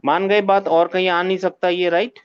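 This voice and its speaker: A man's voice: high voice, level tone, moderate pace, smooth, no echo. Quizzing male teacher, muffled recording. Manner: quizzes students, repeats phrases, corrects them patiently. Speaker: Arabic teacher. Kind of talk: interactive grammar class.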